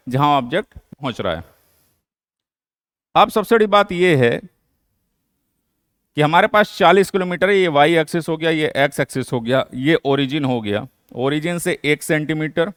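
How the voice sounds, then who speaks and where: A man with a higher, clear, resonant voice gives a classroom physics lecture, recorded at studio quality with no echo. He explains step by step, answers his own questions, and mixes English terms into his Hindi.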